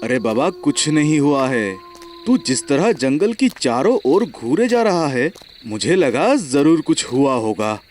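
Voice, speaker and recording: A man voicing a calm, sensible young cartoon character who teases his scared friend. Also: on the high side, unhurried, slight background noise. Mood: teasing. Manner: teasing, level-headed.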